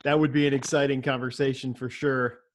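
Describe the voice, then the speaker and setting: A man's voice: medium pitch, flat delivery, fairly quick. Friendly man leading a call discussion. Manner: friendly, hands the floor to others. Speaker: discussion facilitator. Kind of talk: casual video call discussion. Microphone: video call.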